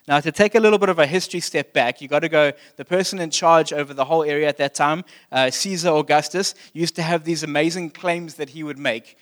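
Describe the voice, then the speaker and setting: A man's voice: a little high, fairly even intonation, brisk, few pauses, a bit bright. Man preaching in a conversational tone. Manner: asks the listeners direct questions. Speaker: pastor. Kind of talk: sermon.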